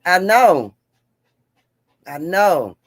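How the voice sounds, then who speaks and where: A woman hosting a call-in show talks with a lively, swinging pitch that leaps up and down, teasing her callers. She keeps repeating her phrases as she jokes with them. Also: extremely slow, dry recording. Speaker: host. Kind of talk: casual chat.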